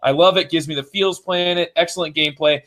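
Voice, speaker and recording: Enthusiastic podcast host, higher voice. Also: male voice, steady tone, fast, a bit bright. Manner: enthusiastic, pitchman-like. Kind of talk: casual podcast chat.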